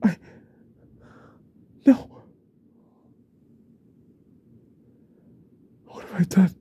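A young man voicing an unstable, remorseful young husband in a whispered role-play, stammering and repeating himself in a husky, often whispered voice. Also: mid-range voice, fairly even intonation, measured pace, dark tone, dull audio, heavily acted. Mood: panicked. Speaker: ASMR role-play creator.

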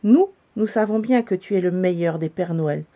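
A woman voicing a clever, kindly female owl in a storybook reading, speaking gently and encouragingly. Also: fairly low pitch, normal speed, muffled recording.

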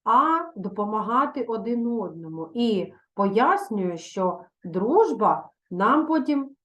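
A primary school teacher records a video lesson for young pupils, reading verse expressively in a patient, instructive way. Her voice is a little high, sing-song and slow, heard in an echoey room.

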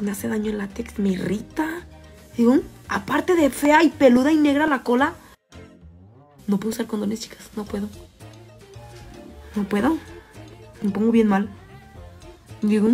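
Young mexican woman vlogging, talks kinda high, blunt and crude, just chatting with her followers, soft music in the back. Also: slightly rough. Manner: frank, crude, chatty storytelling. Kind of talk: casual chat to viewers.

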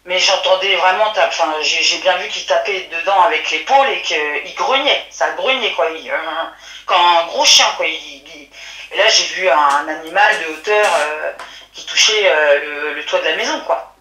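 A woman acting as a witness gives hesitant testimony over the phone or a call, telling her story haltingly with many restarts and fillers. Her voice is bright and echoey, though also on the low side.

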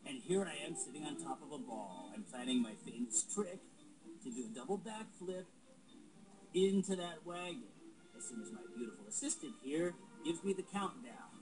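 A man puts on a cheerful little toy frog who boasts like a circus daredevil. The voice is high and swoops about in showy exclamations. It plays as a home-movie puppet show heard through a television, with music behind. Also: big pitch swings, moderate pace, rough recording. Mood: boastful.

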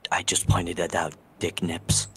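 Male actor for a rude, dismissive game hedgehog antihero; very deep register, improvised fan dub. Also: level tone, a little slow, fairly bright tone, slight background noise. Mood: scornful, insulting. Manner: blunt, profane, dismissive.

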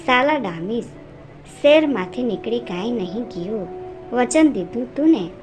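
A woman's voice: a little high, lively intonation, a little slow. A woman reading the lines of a fierce, bullying male police officer in a storybook narration, scolding and contemptuous. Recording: narration over music.

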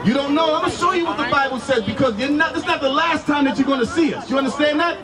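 A man's voice: very high-pitched, fast talker. A man in his forties preaching on a street corner into a handheld microphone, commanding and full of pointed questions. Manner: insistent, commanding, repeated rhetorical questions. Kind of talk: confrontational street sermon, explaining scripture. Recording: distant outdoor street PA, crowd noise.

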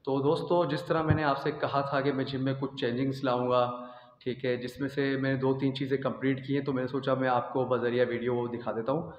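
A man's voice: medium pitch, flat delivery, a little fast. A Pakistani man in his thirties talks casually as he tours his own large indoor gym, filmed on a phone he carries along. The audio is dull and lo-fi, with a long echo and faint room noise behind him. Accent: Pakistani Urdu. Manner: chatty, repeats "theek hai" as a tag. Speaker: gym owner and vlogger. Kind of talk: casual walkthrough vlog. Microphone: phone camera, selfie then walking.

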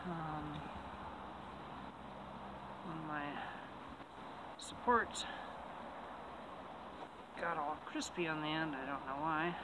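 A middle-aged man narrating casually to camera while doing bushcraft outdoors, relaxed and chatty, amused at his own remarks. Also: on the high side, slow, pauses often. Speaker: bushcraft vlogger. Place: outdoors in winter woods, sitting on the ground. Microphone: camera mic on a nearby tripod. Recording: outdoor camera audio with steady background noise.

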